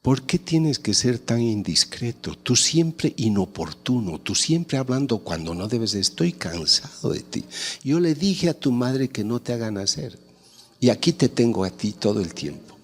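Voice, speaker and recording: A man's voice: medium pitch, sing-song, measured pace, slightly rough. Man acting out an irritable scolding father. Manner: curt and scolding. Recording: long hall reverb.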